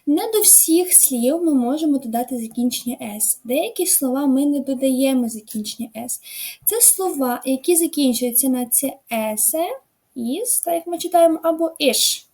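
A woman with a high-sitting, expressive, mellow voice talks at normal speed as she teaches a beginner English lesson online. A native Ukrainian speaker, she explains step by step with patience and frequent filler sounds.

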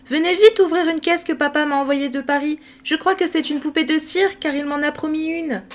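Storybook little girl, eager and pleading, pitched high and bright above the reader's own voice, a woman puts her on. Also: normal speed. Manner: pleading, breathless.

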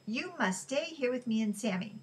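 A woman's voice: fairly high pitch, animated, normal speed, far from the mic, voice pushed up, lightly acted. A woman reading aloud who voices a worried grown son pleading with his mother, in a slightly raised voice. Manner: pleading, fussing. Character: anxious protective middle-aged son.

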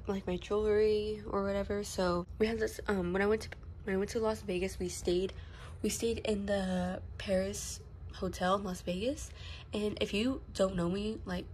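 A teen makeup vlogger with a medium-pitched voice chats casually through a vanity tour in her bedroom, rambling with plenty of fillers and sniffling from a stuffy, runny nose. Her phone camera recording has slight background noise.

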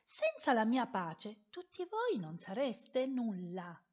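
A proud male color from a children's storybook boasts in a high, lively voice, voiced by a woman. He speaks slowly, and the recording sounds somewhat dull. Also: exaggerated voice. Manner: proud, interrupting. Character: boastful male blue color, lofty and calm.

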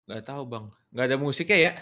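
Man, casual gaming chat, bright voice, lively pitch, teasing. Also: quick pace. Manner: joking, excitable, teasing friends. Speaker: gaming channel host.

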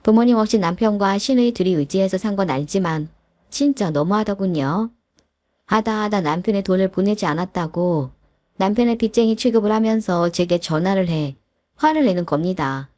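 A woman's voice: on the low side, darkish tone, no echo, clean studio sound. Woman narrating a family drama. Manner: exasperated, plain-spoken.

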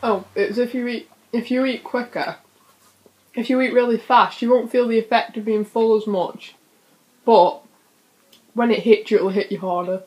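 A young woman chatting casually with a friend during an eating video, easygoing and quick to laugh. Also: fairly high pitch, steady tone, highs cut off. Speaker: co-host friend. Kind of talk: casual chat.

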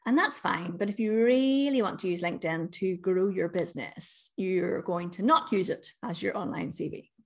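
Northern Irish woman, middle-aged, chatty webinar coach, medium pitch, upbeat. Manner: chatty, upbeat, lively emphasis. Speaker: business coach. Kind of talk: webinar presentation.

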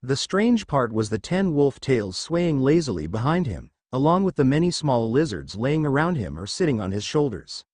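A man narrating fan fiction in a lively storytelling read. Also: mid-range voice, normal speed, hardly any pauses, no echo, studio quality.

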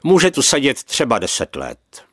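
A man's voice: medium pitch, wildly swooping pitch, a bit bright, no room sound, clean studio sound, pitched above the performer's own voice. A man reading the lines of a cynical male prosecutor in an audiobook, curt and scornful.

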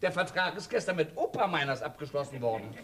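A prim, officious country notary, as a man acts him on stage, formal and measured in a high voice that rises and falls a lot. Faint hiss runs under the stage sound. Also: sing-song. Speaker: stage actor. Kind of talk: stage comedy acting.

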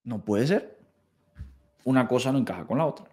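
A man's voice: mid-range voice, lively intonation, normal speed, dark tone, slightly rough. A man commenting on played clips, sarcastic and indignant, mockingly repeating quoted phrases. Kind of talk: video commentary.

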